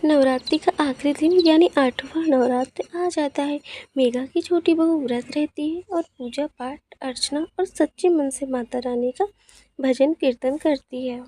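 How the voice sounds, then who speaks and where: A woman narrating a cartoon moral story in a plain, steady storytelling manner. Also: high-pitched, a little slow, no echo. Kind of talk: scripted narration.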